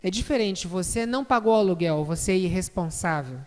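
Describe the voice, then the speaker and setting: A woman's voice: lowish voice, animated, a little fast, long reverb tail. A woman with a Brazilian Portuguese accent, lecturing a live group, explaining with examples and asking the audience questions. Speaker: instructor.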